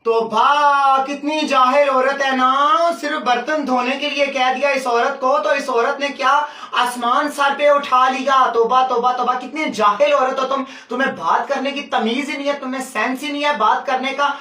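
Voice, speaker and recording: A man's voice: very high-pitched, fairly even intonation, normal speed, hardly any pauses, bright, forceful tone. A man doing a prim, haughty scolding young woman. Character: prim, scolding young woman who asks for the dishes to be washed. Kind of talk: comic sketch. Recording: roomy and distant.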